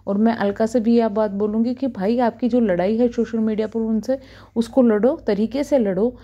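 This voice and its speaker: A woman's voice: on the high side, steady tone, normal speed, warm tone, highs cut off. A woman in her thirties talking to camera as a vlogger, earnestly scolding and giving advice. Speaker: YouTube reaction vlogger.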